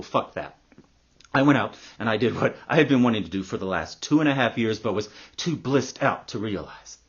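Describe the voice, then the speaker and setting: A man playing a husky, profane, embittered man. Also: medium pitch, muffled recording. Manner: sardonic and profane, hushed storytelling turning to loud ranting. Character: embittered middle-aged man, crude, vindictive, sardonic. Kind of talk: acted dramatic monologue.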